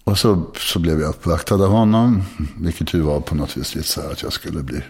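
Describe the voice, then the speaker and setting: A man in his sixties talking frankly and confessionally, halting often and restarting his sentences. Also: a bass voice, darkish tone, husky. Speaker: guest. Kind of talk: candid personal conversation.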